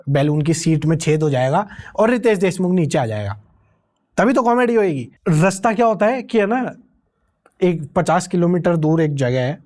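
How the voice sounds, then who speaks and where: High-voiced sarcastic young man ranting. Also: darkish tone. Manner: sarcastic, incredulous, rambling. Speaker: movie reviewer. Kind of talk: comedic movie review rant.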